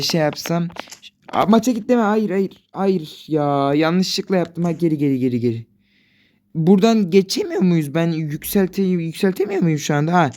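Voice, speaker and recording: A woman's voice: fairly low pitch, a little mellow, a little hiss or hum. A woman hosting a gaming channel, giving live commentary on her own football match and pleading with and scolding her players aloud.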